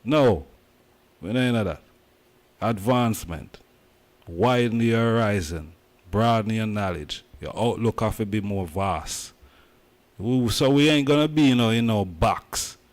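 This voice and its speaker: A man's voice: on the low side, unhurried. A man from Jamaica with a Jamaican accent, talking emphatically in patois as host of a casual commentary.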